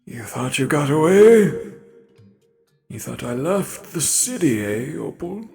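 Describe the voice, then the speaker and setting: A man voicing a mocking old grandfather through a voice changer, with a slow, taunting delivery. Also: a little high, sing-song, vocal fry, darkish tone, faint music behind, pitched above the performer's own voice, exaggerated voice. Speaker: roleplay streamer.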